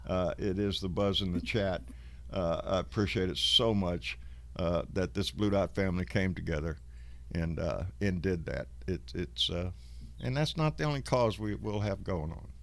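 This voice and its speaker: A man's voice: low voice, moderate pace, vocal fry, fairly bright tone. A man with a Southern US accent and a folksy drawl, hosting a casual livestream chat with salty language. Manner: salty, profane. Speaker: host of a live online show.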